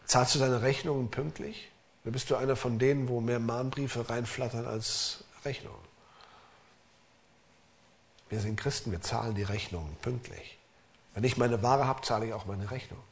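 A man's voice: medium pitch, steady tone, moderate pace, gravelly. A middle-aged man preaching as a pastor in an earnest, emphatic way, asking his listeners direct questions. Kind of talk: sermon.

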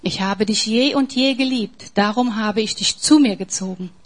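A woman preaches a sermon emphatically in a mid-range voice at normal speed, moving between soft, near-whispered passages and forceful, raised lines.

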